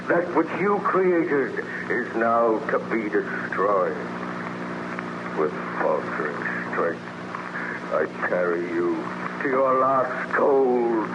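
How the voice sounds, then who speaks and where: A slow, bitter monster, old radio. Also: male voice, medium pitch, lo-fi sound. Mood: grave, sorrowful. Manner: declamatory, solemn, theatrical, formal phrasing. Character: bitter, anguished man-made monster, dying and lonely. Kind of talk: 1930s radio drama acting. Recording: noisy, band-limited 1930s radio recording.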